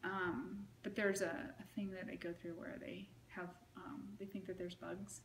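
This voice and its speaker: A woman's voice: on the low side, little pitch movement, measured pace. A woman being interviewed, telling a long story in a casual, rambling way full of "like" and "you know.". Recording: roomy with faint noise.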